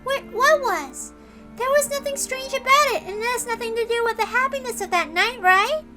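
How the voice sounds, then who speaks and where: Soft music plays behind this visual novel reading, where a nine-year-old girl's tiny, high, bright voice comes through calm yet puzzled. Earnest, serene, and unshakably optimistic, she reasons in measured tones and lectures gently and patiently, a touch preachy.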